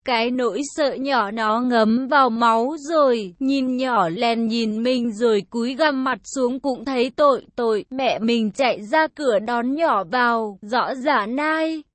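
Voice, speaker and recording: A woman narrating a first-person story in a lively storytelling manner, as a schoolboy telling of his home life. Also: on the high side, no echo. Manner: slow, lively storytelling with acted quotes.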